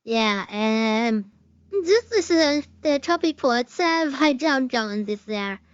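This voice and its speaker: A high-pitched woman with a German accent gives slow, unhurried reaction commentary on a stream. Her English is halting, with pauses to hunt for words and some offhand swearing. The sound is dry and dull, like a lo-fi stream mic with little room. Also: animated, no echo.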